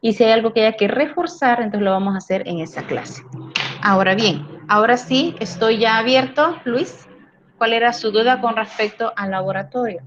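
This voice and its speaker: A woman's voice: fairly high pitch, normal speed, noisy background. Woman teacher on a dull lo-fi recording. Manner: frequent tag questions, repeats words while thinking. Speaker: philosophy teacher. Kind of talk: class lecture.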